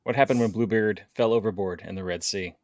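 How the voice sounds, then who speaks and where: A man's voice: fairly low pitch, brisk, darkish tone, no room sound, clean studio sound. A man, co-hosting a casual chat and trading pirate puns and jokes. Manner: punning, playful, jokey. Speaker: podcast co-host.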